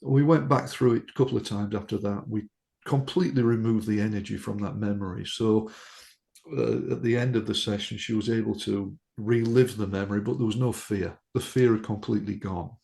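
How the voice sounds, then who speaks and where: A man's voice: on the low side, steady tone, a little fast, gravelly, mellow. A man, a hypnotherapist, telling a case story on a podcast in an anecdotal way, with frequent ums and restarts.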